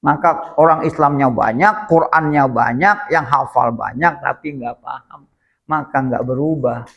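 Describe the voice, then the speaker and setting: A male Islamic teacher giving a religious study lecture in a prayer room, storytelling in a lively way and often addressing his listeners directly. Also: mid-range voice, unhurried, creaky, highs cut off.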